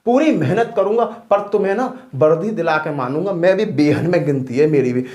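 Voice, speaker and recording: A man teaching exam math tricks in a loud, colloquial, playful coaching style, standing at a board. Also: fairly high pitch, moderate pace. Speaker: math teacher for police exams. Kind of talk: energetic coaching lesson. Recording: echoey room.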